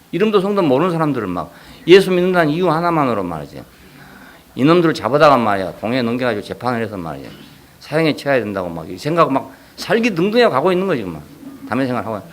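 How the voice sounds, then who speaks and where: 경상도 억양의 남자 목사가 설교하며 반문을 던지고 인용한 목소리를 직접 연기한다. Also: male voice, medium pitch. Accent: Gyeongsang. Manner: animated, rhetorical questions, acts out quoted voices. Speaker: pastor. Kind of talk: sermon.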